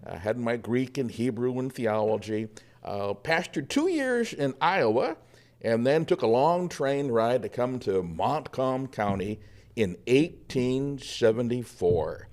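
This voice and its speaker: A man's voice: mid-range voice, expressive, slow, darkish tone. A man playing a humble 1800s Norwegian pioneer pastor. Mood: storytelling. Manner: folksy storytelling with frequent uh fillers and chuckles. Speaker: guest, historical reenactor. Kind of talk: first-person historical character portrayal.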